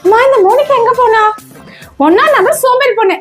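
A scolding cartoon mum, played by a woman, barks orders in an extremely high, piercing voice. Her talk is bossy and commanding, with faint music underneath. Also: fairly quick. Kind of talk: cartoon comedy dubbing.

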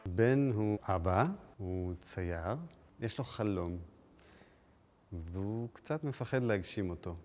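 A man speaking calmly and reflectively in a behind-the-scenes interview. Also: low-pitched, pauses often.

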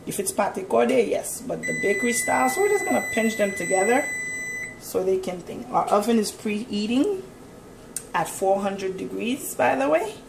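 This woman runs a cooking channel and talks viewers through each step of a relaxed home-kitchen demo, instructive and chatty as she works. She speaks at a moderate pace in a mid-range, sing-song voice with vocal fry. The camera mic sits across the room, leaving the audio distant and echoey with background noise.

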